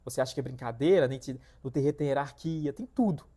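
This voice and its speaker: A man telling a personal story to his viewers in an animated, repetitive way, often calling out to them directly. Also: mid-range voice, fast talker. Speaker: vlogger telling a personal testimony. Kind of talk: casual spoken storytelling.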